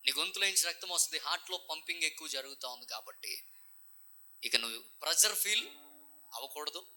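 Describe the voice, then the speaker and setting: A man preaching a testimony at a revival meeting, moving from hushed whispers to loud, impassioned calls. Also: medium pitch. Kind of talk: sermon testimony. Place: church revival meeting, over speakers.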